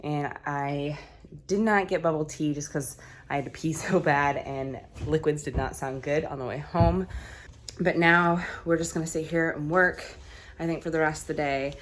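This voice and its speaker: A woman's voice: deep voice, steady tone, moderate pace, a little hiss or hum. A young woman vlogging casually at home, chatty and laughing often. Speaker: travel vlogger. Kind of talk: casual vlog chat. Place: rented flat indoors.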